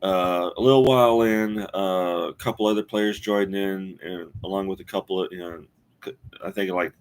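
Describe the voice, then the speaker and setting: A man in his forties chatting casually on a live stream, rambling and halting with many fillers and restarts. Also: sits low, fairly even intonation, clear, resonant tone. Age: 40s. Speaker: streamer host.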